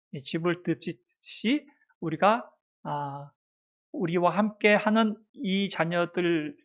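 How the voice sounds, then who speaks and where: A man preaching a sermon as pastor of a church, asking the congregation questions and answering them himself. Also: high-pitched. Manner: acts out a mother's soft baby talk. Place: church sanctuary.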